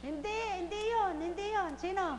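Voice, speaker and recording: A woman's voice: very high-pitched, brisk, long reverb tail, slight background noise. A woman faith healer at a live healing session, teasing and questioning a patient with short, repeated questions.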